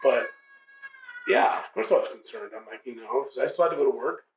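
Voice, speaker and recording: Gravelly man in his forties, far from mic. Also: medium pitch, expressive, fairly quick, echoey room, a little hiss or hum. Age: 40s. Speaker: interviewee. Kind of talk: casual interview answers.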